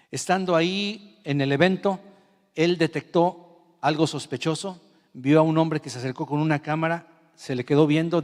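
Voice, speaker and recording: A man with a Mexican Spanish accent preaching a sermon as pastor, telling a story with emotion and moving from quiet to loud. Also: fairly high pitch, in a large hall.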